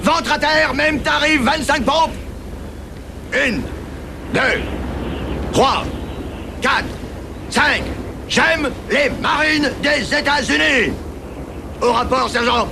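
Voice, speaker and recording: Nasty sarcastic drill sergeant, space marines tv show, high gravelly bark, noisy track. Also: male voice, slow, long pauses, exaggerated voice. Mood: mocking, barking. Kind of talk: French-language TV series dub acting.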